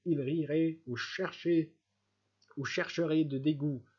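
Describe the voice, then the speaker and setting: Un fonctionnaire obséquieux et rusé qui supplie en s'abaissant, lu par un homme dans un livre audio. La voix est voilée, un peu rauque. Le son est légèrement étouffé. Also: male voice, a little high, steady tone, takes it slowly, a little mellow, slightly rough, lo-fi sound. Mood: pleading. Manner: wheedling, self-abasing pleading. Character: fawning scheming middle-aged male clerk.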